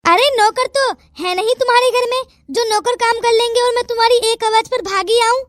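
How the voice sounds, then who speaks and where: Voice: very high-pitched, a little fast, fairly bright tone, dry recording, clean studio sound. Babita, a cartoon voice as a two-faced young daughter-in-law. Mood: scornful. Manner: sugary and polite. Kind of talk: Hindi cartoon voice acting.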